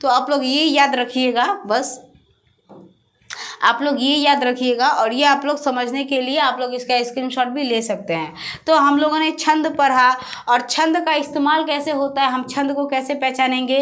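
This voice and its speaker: A woman with a high, light voice explains grammar rules step by step like a classroom teacher. She keeps repeating key terms and asking the listeners questions that she answers herself. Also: fairly even intonation, moderate pace, fairly bright tone. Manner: repetitive, asks and answers own questions. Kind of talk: classroom-style explanation over slides.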